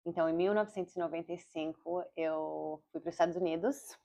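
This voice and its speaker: A Brazilian-born woman in her forties with an American-accented Portuguese, talking fast and rambling with self-corrections in a casual video diary. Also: fairly low pitch, fairly even intonation, vocal fry, warm tone. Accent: Portuguese with an American English accent. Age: 40s. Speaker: vlogger and comedian. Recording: slightly dull lo-fi audio.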